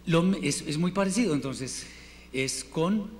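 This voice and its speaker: Slow, patient male teacher in a hall. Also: a little high. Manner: patient, repeats words slowly for students. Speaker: Hebrew teacher. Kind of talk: classroom lesson. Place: classroom. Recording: reverberant room with faint noise.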